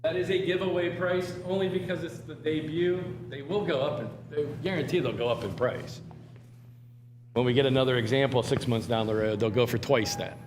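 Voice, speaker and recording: A man working as an auctioneer, giving a live sales pitch with urging, repeated calls for bids. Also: fairly quick, over music. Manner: urging, repetitive.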